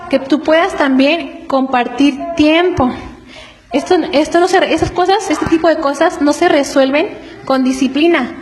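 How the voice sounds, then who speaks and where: A woman preaching to a congregation in an earnest, explanatory way, often checking in with quick rhetorical questions. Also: sits high, slight background noise, poor audio. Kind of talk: church teaching on family.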